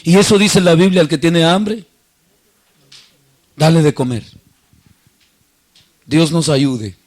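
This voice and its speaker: A man preaching a sermon, telling a personal story and acting out the voices he quotes, swinging between loud and soft. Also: a little high, animated, takes it slowly.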